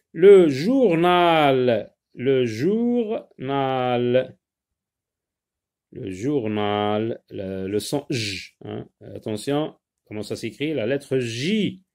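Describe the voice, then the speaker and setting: Speaking to pupils and parents directly, a man with a mid-range, darkish voice leads a French spelling lesson. He spells out words one letter at a time and puts stress on every dictated word.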